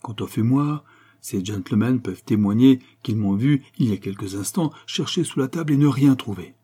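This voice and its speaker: A man voicing a gruff, angry rich American passenger who grumbles curtly, raised and forceful. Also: mid-range voice, expressive, moderate pace. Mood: indignant. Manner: grumbling, curt.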